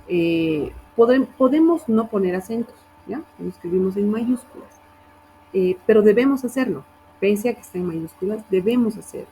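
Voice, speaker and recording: A woman's voice: mid-range voice, dark tone, a little hiss or hum, poor audio. A woman teacher reviewing student assignments, correcting wording and often checking in with her class.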